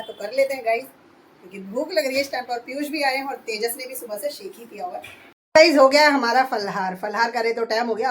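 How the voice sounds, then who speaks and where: Slightly high chatty woman vlogging at home, voice going hoarse, faint room noise. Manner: chatty, narrates her chores step by step. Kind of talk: casual home vlog. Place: at home, indoors.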